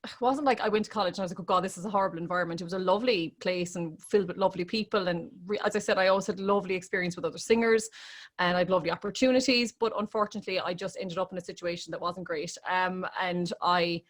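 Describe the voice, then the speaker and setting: A woman's voice: on the low side, fast. Reflective Irish woman in candid conversation. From Ireland. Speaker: interview guest, classical crossover singer.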